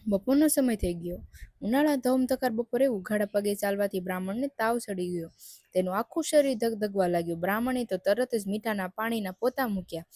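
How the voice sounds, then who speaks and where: A woman narrating a devotional folk tale in a steady, measured reading. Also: mid-range voice, no echo, studio quality. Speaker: storyteller.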